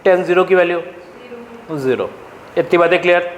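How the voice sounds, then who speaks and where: High-voiced man teaching math in echoey room. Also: moderate pace, a little hiss or hum. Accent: Indian. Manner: quizzes students, answers his own questions. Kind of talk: classroom lecture. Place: classroom.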